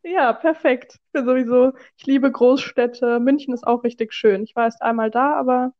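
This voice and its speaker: A woman's voice: high voice, steady tone, moderate pace, no room sound. Woman on a glitchy lo-fi call. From Germany. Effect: glitchy call connection with dropouts. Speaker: podcast guest. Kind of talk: casual chat. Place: at home in a storm. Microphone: own microphone over a remote call. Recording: dull, dry lo-fi call line.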